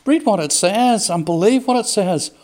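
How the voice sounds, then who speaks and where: Male preacher, slightly high voice, earnest and repetitive, slows down for scripture readings. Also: expressive, a little mellow. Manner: earnest, emphatic, repeats phrases. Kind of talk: devotional sermon.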